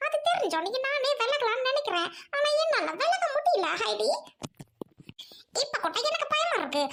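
A woman's voice: very high voice, heavy background noise, heavily acted. A woman voicing a young village woman who is shyly in love, speaking in an emotional, pleading way in an amateur skit.

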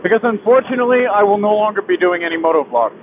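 A young man vlogs from his motorcycle as he travels a highway, confessing something personal into his helmet mic. Heavy with feeling, he pauses and restarts repeatedly, and the tinny audio carries wind and road noise.

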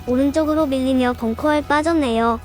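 A woman with a high voice delivers scripted golf commentary in a polite, formal register. She reports the round shot by shot as a voice-over, with music playing faintly behind her. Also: a little fast, a little mellow. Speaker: narrator of an amateur golf vlog.

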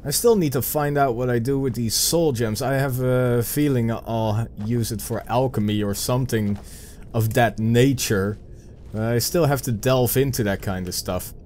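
A young Dutch man from the Netherlands narrates his own gameplay in casual let's play commentary, muttering and joking at his own expense. His mid-range voice is a little mellow at a moderate pace, with slight background noise.

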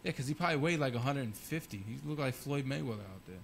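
A young man co-hosting a podcast, telling animated stories and swearing freely. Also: medium pitch, quick pace, gravelly, a little hiss or hum. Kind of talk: casual chat.

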